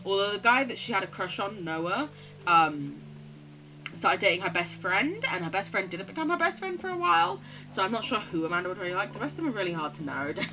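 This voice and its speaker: A woman's voice: medium pitch, sing-song, fast, music in the background, rough recording. A young English woman streaming a game, chatting casually, swearing freely and reading the game text aloud. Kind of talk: casual let's-play commentary.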